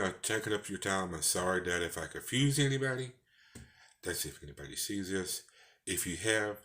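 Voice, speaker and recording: Deep-voiced Texan man, rambling folksy vlog. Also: a bit bright. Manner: rambling, folksy, with false starts. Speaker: vlogger. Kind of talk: casual personal vlog.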